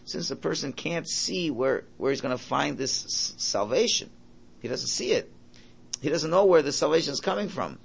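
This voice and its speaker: A religious teacher gives an informal Torah lesson, translating and explaining a text, repeating his points, asking rhetorical questions and checking in with "right?". His fairly high voice is animated, gravelly and husky, at a moderate pace.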